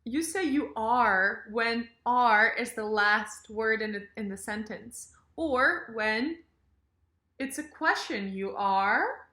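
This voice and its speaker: A woman teaching pronunciation as an accent coach, slowly drilling sounds with many repetitions. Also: fairly high pitch, bright, forceful tone, roomy sound. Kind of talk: pronunciation lesson.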